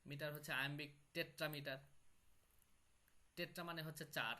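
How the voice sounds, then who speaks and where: Bright-voiced male teacher. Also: a little high, fairly even intonation, fairly quick. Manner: explains step by step, repeating key terms. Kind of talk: online class lecture on poetry.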